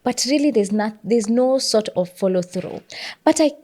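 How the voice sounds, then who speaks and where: A woman with a Kenyan accent co-hosting a political discussion podcast, talking in an animated, emphatic way and repeating phrases for effect. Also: fairly high pitch, moderate pace. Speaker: podcast co-host.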